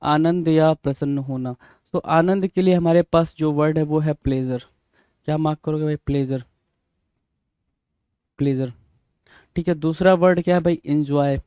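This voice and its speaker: A man whose voice is on the high side, steady, dark, clear, and resonant teaches exam vocabulary at normal speed, pausing often. He spells English words out letter by letter and keeps prompting students with "bhai?" The recording is dry with clean studio sound.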